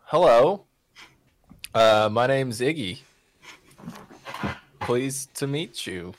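A man's voice: medium pitch, animated, extremely slow, slight background noise, pitched above the performer's own voice. A man voicing a simple-minded, friendly young man in a tabletop game, easygoing and chatty.

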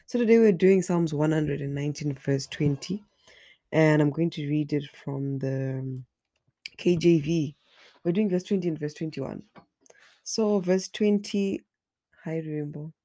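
Leading an online Bible study in earnest, this woman has a low, mellow voice made raspy and hoarse by the flu. She speaks unhurriedly, occasionally repeating a word as she hunts for what comes next.

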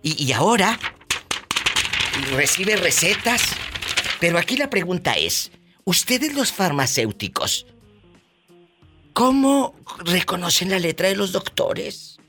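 A man's voice: high-pitched, very animated, takes it slowly, pauses often, sharp tone, husky, soft background music. A man with a Mexican accent hosting a call-in radio show, teasing and theatrical with his callers. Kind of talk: playful call-in radio banter.

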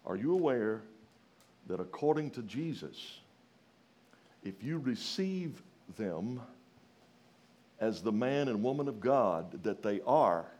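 A man from rural Louisiana with a Southern US accent, preaching a sermon in a folksy, emphatic way, putting questions to his listeners and moving between raised exclamations and hushed phrases. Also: mid-range voice, expressive, takes it slowly, long pauses. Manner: folksy, rhetorical questions to the congregation.

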